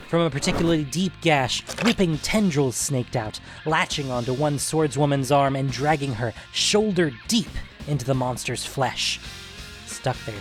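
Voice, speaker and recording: In a measured, suspenseful, dramatic audiobook style, a man reads a scripted fantasy story aloud. His voice sits at a medium pitch.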